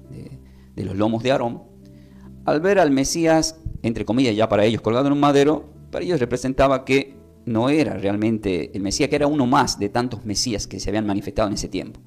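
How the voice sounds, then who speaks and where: Man, Argentine accent, Bible class teacher, emphatic call and response, faint music behind. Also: mid-range voice. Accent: Argentine Spanish. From Tucumán, Argentina. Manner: prompts listeners to repeat after him, emphatic rises.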